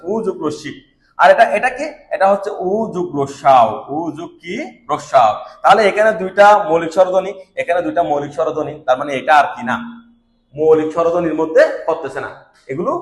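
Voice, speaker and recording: Fast, high-voiced teacher. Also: male voice, roomy sound. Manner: explains step by step, asks and answers his own questions. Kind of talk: grammar lesson.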